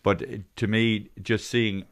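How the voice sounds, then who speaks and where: A man with a very low voice hosts a relaxed podcast chat at the microphone. He rambles, restarting sentences and repeating words as he goes. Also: a little slow, clean tone, no echo. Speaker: podcast host. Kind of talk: casual chat.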